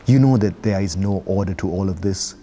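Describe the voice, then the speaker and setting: A man's voice: sits low, a little fast, dark tone, slight background noise, close to an everyday voice. A man reading as a menacing dead priest spirit. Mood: ominous. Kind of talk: reading a novel aloud. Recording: long hall reverb.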